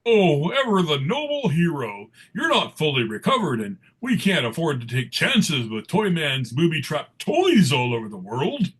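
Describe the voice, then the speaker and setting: A man playing a jolly, take-charge Santa Claus in a live comic book read, theatrical and raspy. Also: on the high side, huge pitch swings, normal speed, hardly any pauses, a bit bright, exaggerated voice. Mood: commanding. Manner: theatrical, declamatory. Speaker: performer in a dramatic comic book table read.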